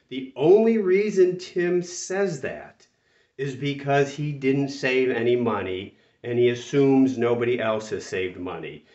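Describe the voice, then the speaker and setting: Speaking to camera from a small indoor room with a whiteboard, this mid-range-voiced retirement channel host in his sixties sounds plainly exasperated and a little nasal from a cold. He hammers his points by repeating words. Because he sits a few feet from the mic, the audio comes across distant, roomy and slightly dull.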